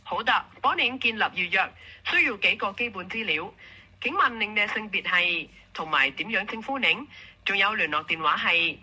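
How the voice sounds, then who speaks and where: A woman's voice: medium pitch, lively intonation, moderate pace, bright, forceful tone, husky, low-quality recording. A woman with a Hong Kong Cantonese accent speaking as an automated booking assistant, in polite, formulaic scripted customer service.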